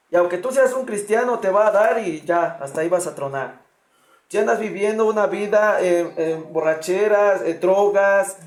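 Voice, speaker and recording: A man's voice: high-pitched, darkish tone, roomy sound. A man preaching a sermon, speaking earnestly and directly to his congregation.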